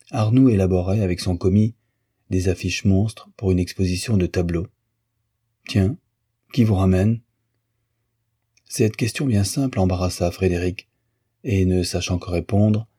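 A man reading a literary novel aloud as an audiobook narrator, in a measured, even way. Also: low-pitched, husky.

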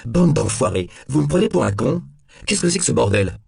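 A man voicing a nervous, defensive suspect who stammers and bursts out in shrill panic in an audiobook. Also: expressive, a little fast, creaky, mellow, dry recording, clean studio sound. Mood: indignant. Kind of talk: audiobook character voice.

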